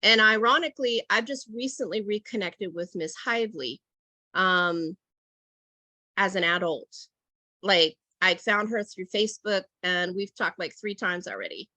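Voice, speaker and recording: A woman's voice: mid-range voice, a little slow, pushed and bright, no room sound. A middle-aged woman leading an online teacher workshop over a video call, talking reflectively and checking in with "right?" and "okay?".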